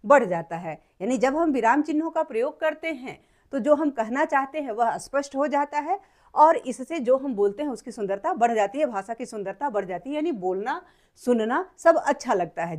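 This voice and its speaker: A woman's voice: high-pitched, expressive, normal speed, a little mellow. A woman teacher giving a classroom lesson to children, explaining step by step and rephrasing each point in simpler words.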